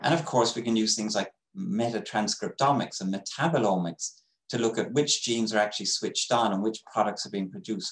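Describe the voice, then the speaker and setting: A man giving an academic webinar lecture over a video call, explaining in a measured way with frequent pauses. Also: fairly low pitch, roomy sound, low-quality recording. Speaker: microbiology professor giving a webinar talk.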